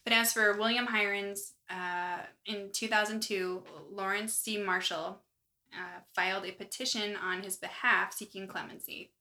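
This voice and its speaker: A woman co-hosting a true-crime podcast, talking in a chatty, animated way with lots of asides. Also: medium pitch, a little slow. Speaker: podcast co-host. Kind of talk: casual true-crime chat.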